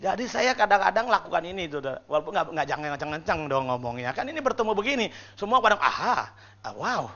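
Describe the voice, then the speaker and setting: A man preaching a sermon to his church in a casual, lively way, acting out the congregation's responses and joking with them. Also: sits high, fast talker, hardly any pauses, highs cut off. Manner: lively, acts out congregation responses and mimics whispered prayers. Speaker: pastor. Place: church service.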